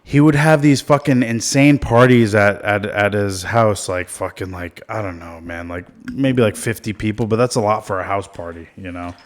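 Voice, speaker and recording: A man's voice: lowish voice, normal speed, hardly any pauses. A man on a podcast mic who tells a long, rambling story in casual chat, swearing freely as he goes. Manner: rambling, animated, swears and laughs while telling stories. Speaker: podcast co-host. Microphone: studio podcast mic.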